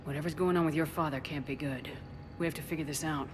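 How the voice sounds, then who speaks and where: Steady female military commander acted by a woman. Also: sits low, fast, natural voice. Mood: concerned, firm. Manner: level, matter-of-fact, firm. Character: female military commander, steady, frank, concerned, loyal to comrades. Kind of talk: video game cutscene acting. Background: music.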